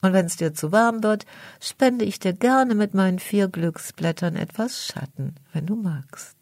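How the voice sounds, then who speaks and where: A woman voicing a friendly male four-leaf clover in a children's storybook, speaking in a gently kind, calm way. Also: medium pitch, unhurried, no room sound, clean studio sound, close to an everyday voice. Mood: kindly.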